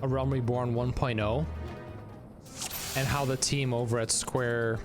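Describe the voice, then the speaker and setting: A man's voice: medium pitch, little pitch movement, unhurried, over music. A man casually chatting to his viewers while playing a game, reading and answering chat. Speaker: streamer. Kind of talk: casual live gameplay commentary.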